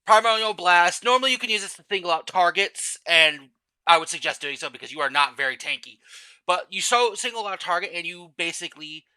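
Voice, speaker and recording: A man's voice: high voice, expressive, a little fast, sharp tone, smooth, rough recording. A tired man talking through a game class in a casual guide voice-over, rambling and often stopping to correct himself. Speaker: gamer explaining a game class.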